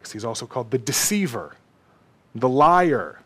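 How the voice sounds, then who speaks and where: A man's voice: medium pitch, big pitch swings, moderate pace, a bit bright, breathy edge. A man preaching a sermon emphatically, asking rhetorical questions and checking in with "okay?".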